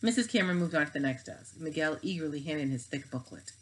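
Woman reading a story aloud, low voice. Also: quick pace, poor audio. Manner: steady storytelling. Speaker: reader. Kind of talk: reading a children's novel aloud.

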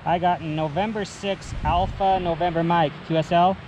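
A man's voice: high voice, fairly even intonation, moderate pace, very noisy. A man making a ham radio call outdoors on a mountain, spelling call signs in clipped, repeated radio procedure.

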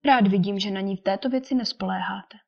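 Woman reading as a dry, teasing old gentleman. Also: mid-range voice, creaky. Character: dry ironic older English gentleman, father. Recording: dull lo-fi recording.

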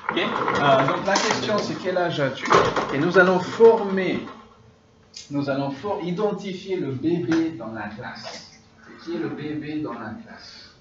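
Lively teacher in an echoey classroom. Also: male voice, high voice. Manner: repeats phrases and drills the class. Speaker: French teacher. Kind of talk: classroom instruction. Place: classroom, large indoor room. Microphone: far camera. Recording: roomy, distant, dull camera audio with room noise.

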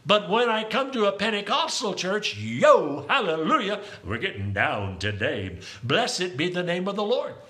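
An older man preaches a Pentecostal sermon in a high, swooping voice that leaps around animatedly. His tone is bright and forceful, full of exuberant hallelujahs and calls to praise. He breaks into speaking in tongues now and then. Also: wildly swooping pitch, moderate pace, few pauses.

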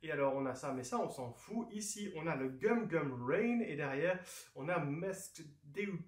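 A man with a fairly high voice talks through a card unboxing in a relaxed, chatty way. He keeps slipping in playful, jokey asides as he goes. The sound is roomy, with a clear echo off the walls. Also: moderate pace. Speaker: card game channel host. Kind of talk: casual unboxing commentary. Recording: echoey room.

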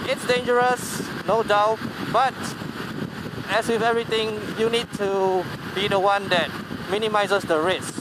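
A man talking casually while riding a motorcycle on a highway, rambling with many fillers and restarts and the odd swear word, into a helmet mic. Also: fairly even intonation, measured pace. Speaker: motovlogger. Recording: loud road and wind noise. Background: loud road and engine noise.

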